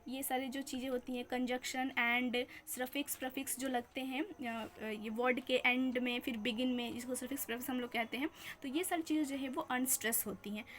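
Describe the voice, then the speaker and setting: High-voiced woman teaching poetry scanning. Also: steady tone, a little fast, fairly bright tone, slight background noise. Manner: explains step by step, asks and answers her own questions; mixes Hindi and English freely. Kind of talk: exam-prep lesson on scanning poetry.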